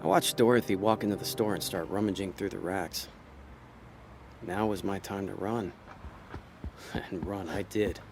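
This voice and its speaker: An actor with a low, steady male voice narrates a noir audio drama as a laid-back con man, delivering inner monologue in a wry, slangy, hard-boiled style. He speaks at normal speed with long pauses, and the mood is scheming and suspicious. Slight background noise is audible.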